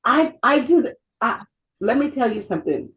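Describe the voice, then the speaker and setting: A woman's voice: on the high side, expressive, normal speed, a bit bright, rough recording. A middle-aged woman co-hosting a heartfelt conversation, reflective and emphatic, often repeating herself. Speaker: co-host.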